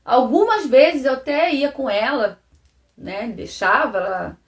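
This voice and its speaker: Brazilian woman telling a halting personal story. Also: expressive. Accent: Brazilian Portuguese. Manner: halting, repeats phrases, often drops to a soft low voice. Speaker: vlogger. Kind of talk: personal testimony to camera. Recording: roomy echo.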